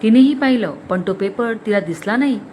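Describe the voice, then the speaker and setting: A woman's voice: a little high, fairly quick, slight background noise. Woman narrating a dramatic story. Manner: dramatic, expressive reading.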